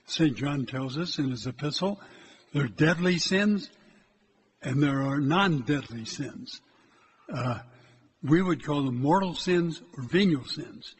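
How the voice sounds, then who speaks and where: At a measured pace, an older priest preaches plainly and loudly to his parish, his voice sitting a little high for a man and never kept low. Captured from afar, the exhortation rings through the church with a long echo and a faint underlying hiss.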